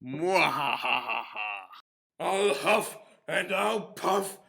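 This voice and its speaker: A gravelly cackling big bad wolf. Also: female voice, medium pitch, soft background music, voice pushed down, heavily acted. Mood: menacing. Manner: slow, menacing.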